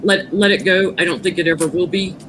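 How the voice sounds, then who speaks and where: A woman's voice: on the low side, a little fast. A woman speaking matter-of-factly and reassuringly as a psychic medium, giving a casual reading on a livestream. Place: video call livestream. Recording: clearly noisy livestream audio.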